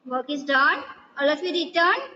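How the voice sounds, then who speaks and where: A woman's voice: sits high, lively intonation, drawn-out words, sharp tone, big-room sound, dull audio. A woman teacher giving a class lesson, patiently drilling letter sounds one by one.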